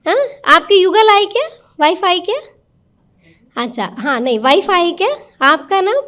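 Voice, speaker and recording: A woman's voice: very high-pitched, animated, measured pace, fairly bright tone. A woman giving an interactive spiritual talk to a live audience in a meditation centre hall, questioning people directly in a coaxing, conversational way.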